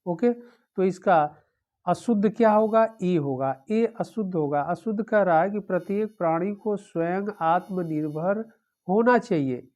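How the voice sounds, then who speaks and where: A woman's voice: fairly low pitch, a little slow, dark tone. Woman methodically explaining exam answers. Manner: methodical, repeats options, frequent "okay". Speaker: teacher.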